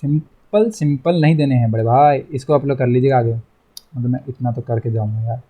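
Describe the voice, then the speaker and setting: A man's voice: medium pitch, normal speed, warm tone, breathy edge. A young man teaching a math lesson online, chatty, repeating himself and teasing his students.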